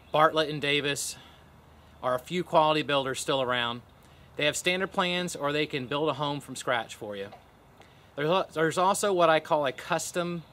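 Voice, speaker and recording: A man, a real estate team leader giving a scripted update to camera outdoors by a pond, upbeat and lifting his pitch on key points. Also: bright, forceful tone.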